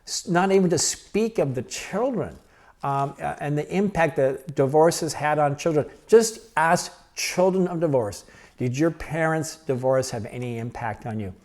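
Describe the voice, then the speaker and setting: An older man preaches in a plain, earnest way, as if talking with his congregation rather than at them. His voice sits a little high for a man, and he slows right down to let key lines sink in. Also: darkish tone. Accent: Pacific Northwest American. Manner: conversational, earnest, with restarts and slowed-down emphasis. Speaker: pastor. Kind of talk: sermon.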